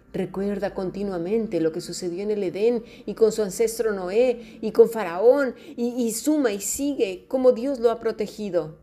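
A woman's voice: mid-range voice, warm tone. A woman preaching a sermon who speaks straight to her listeners and mocks fearful, whining voices.

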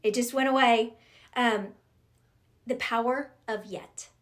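A middle-aged woman chatting as a podcast guest, expressive and lively as she acts out her own thoughts. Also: a little high, slow pace. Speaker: podcast guest, professional coach. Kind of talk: casual conversation.

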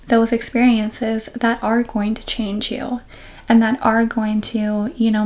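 Candid woman podcast host, higher voice. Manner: open and reflective, with soft laughs and restarts. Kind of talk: candid personal podcast talk.

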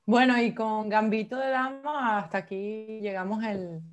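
A woman co-hosting a podcast, teasing and quick to laugh. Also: on the high side, fairly even intonation, lo-fi sound. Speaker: podcast co-host. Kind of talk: casual chat.

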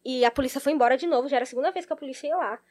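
Fast-talking, high-voiced woman telling a wild story. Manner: animated, acts out quoted lines. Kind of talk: casual storytelling chat.

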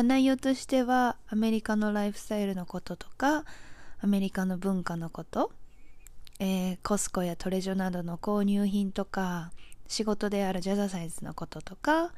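A woman's voice: mid-range voice, darkish tone, dry recording. A woman in her forties, from Japan, hosting a casual solo audio talk and explaining things in a chatty, friendly way with filler words. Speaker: podcast host.

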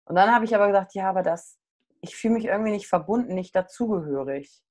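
A middle-aged woman, a coach, telling a personal story in casual conversation, candid and animated. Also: mid-range voice, fast.

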